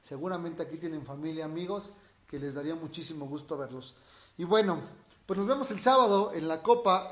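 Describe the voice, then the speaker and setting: A Mexican man with a raspy, boozy-sounding voice, chatting informally as he explains things and answers viewers' questions. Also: on the high side. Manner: informal, explanatory, frequently checking with the listener. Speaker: dog trainer hosting a question-and-answer livestream. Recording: echoey room.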